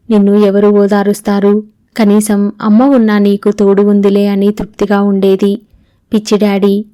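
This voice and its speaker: A woman's voice: mid-range voice, warm tone, no room sound, clean studio sound, natural voice. A woman reading the diary of a young woman facing terminal illness, written to her father, in an audiobook.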